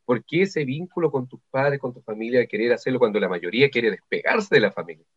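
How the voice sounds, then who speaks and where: A man's voice: medium pitch, animated, fast. A man hosting a university radio interview, upbeat and chatty. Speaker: radio host. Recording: slightly dull lo-fi sound.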